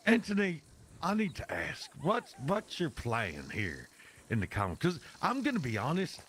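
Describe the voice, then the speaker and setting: A man acts out a folksy, foul-mouthed cowboy in a western game role-play. His voice sits fairly high and swings widely as he rambles in slangy speech. There is faint noise and animal sound behind him. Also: huge pitch swings, normal speed, fairly bright tone. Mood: friendly, earnest. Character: folksy, foul-mouthed, peacemaking male cowboy named Buzzard.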